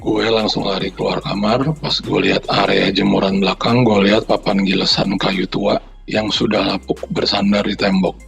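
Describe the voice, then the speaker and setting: This podcast co-host has a gravelly, husky voice on the low side, delivered flatly at a moderate pace over soft background music. After chatting and bantering in slang, he reads a listener's horror story aloud steadily, sounding out the noises in it.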